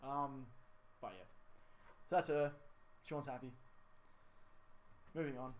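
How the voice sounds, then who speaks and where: A man's voice: medium pitch, fairly even intonation, takes it slowly. A young man co-hosting a gaming podcast in casual chat, rambling with plenty of ums and self-corrections.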